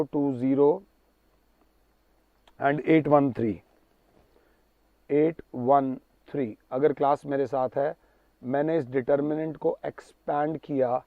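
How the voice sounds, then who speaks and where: A man teaching a maths lesson, emphatic and pleading, reading out numbers slowly. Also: fairly high pitch, no echo. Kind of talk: classroom lecture. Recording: tinny narrow-band sound, dry.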